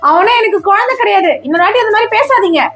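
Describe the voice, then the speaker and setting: A touchy, emotional wife, acted by a woman with a very high, shrill voice who scolds readily. Faint music runs underneath. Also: animated, quick pace, a bit bright, heavily acted. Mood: indignant. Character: wife, touchy, then tender to the adopted boy. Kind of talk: comedy skit acting.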